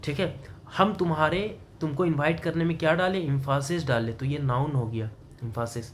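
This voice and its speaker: Male English tutor, slightly high voice, quizzing style, faint room noise. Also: fairly even intonation, normal speed. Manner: asks the student questions and answers them himself; explains in Hindi mixed with English terms. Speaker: English teacher. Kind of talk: classroom grammar lesson.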